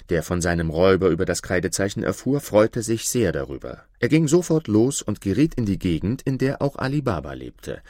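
A man reading a fairy tale aloud in an expressive storytelling manner. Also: low-pitched, no echo, clean studio sound.

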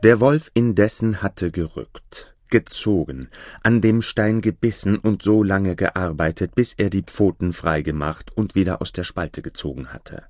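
Deep-voiced male fairy tale reader. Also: unhurried. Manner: expressive storytelling. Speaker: narrator.

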